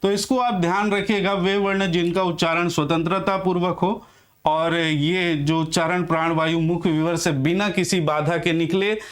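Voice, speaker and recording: A young man teaching Hindi grammar in a lecture, asking questions and answering them himself, sounding out letters slowly. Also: sits high, steady tone. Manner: repeats questions and answers them himself, addresses viewers as friends. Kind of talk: classroom lecture.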